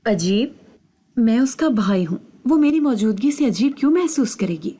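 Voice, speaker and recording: In a mellow, warm voice, a woman reading an anxious young husband and brother pushes back insistently. He sounds suspicious and set on his course, with a storybook reading's even delivery. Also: on the high side. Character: male narrator's brother, anxious, determined man.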